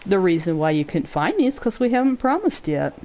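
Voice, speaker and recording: A woman voicing a terse, aloof young male mercenary with a clipped, flat delivery. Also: mid-range voice, brisk, slight background noise, natural voice. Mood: reassuring.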